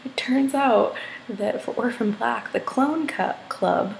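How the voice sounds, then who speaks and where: Giggly young woman with a gravelly edge. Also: a little high, slow pace. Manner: giggly, chatty. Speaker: vlogger. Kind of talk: casual chat on a video call. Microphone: laptop mic. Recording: echoey room with faint noise.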